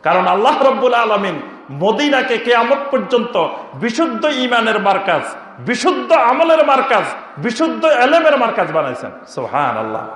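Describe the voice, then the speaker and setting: High-pitched preacher in an echoing hall. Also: male voice, big pitch swings, moderate pace, a bit bright. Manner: rhetorical questions to the crowd, chanted phrases. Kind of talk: Bengali waz sermon.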